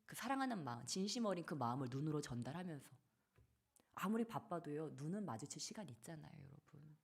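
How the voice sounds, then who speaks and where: Woman pastor in her thirties, low-pitched, lively sermon delivery with playful acted quotes. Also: quick pace, gravelly, slightly rough. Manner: lively, animated preaching with acted-out quotes and soft asides. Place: church sanctuary.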